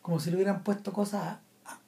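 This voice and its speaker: Chilean woman, casual film chat, mellow tone, halting delivery with restarts. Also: medium pitch, fairly even intonation, gravelly. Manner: hesitant, many restarts. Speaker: film commentator.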